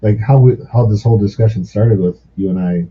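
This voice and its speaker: Low-voiced, profane storytelling man. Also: a little fast, warm tone, slight background noise. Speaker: podcast guest. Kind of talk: casual chat. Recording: muffled lo-fi podcast audio.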